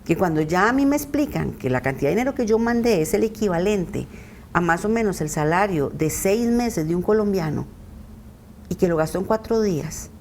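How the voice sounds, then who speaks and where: A woman's voice: fairly low pitch, animated, normal speed, a little mellow, a little hiss or hum. A middle-aged woman giving an earnest personal testimony as a podcast interview guest. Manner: earnest, recounting, often acting out quoted voices.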